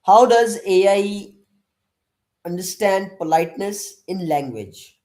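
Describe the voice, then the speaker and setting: Interviewer, asking questions, hesitant, frequent uh fillers, mid pitch. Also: animated, slow pace, dark tone.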